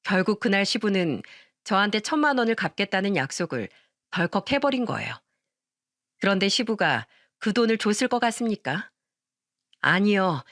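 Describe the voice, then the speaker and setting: A woman narrating a dramatized radio story in an expressive, conversational way. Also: medium pitch, moderate pace, no echo, clean studio sound.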